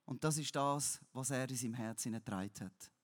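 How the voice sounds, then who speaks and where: A man preaching a sermon, swinging between loud emphatic cries and low, quiet passages, with some blunt everyday words. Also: fairly quick. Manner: uses crude everyday words.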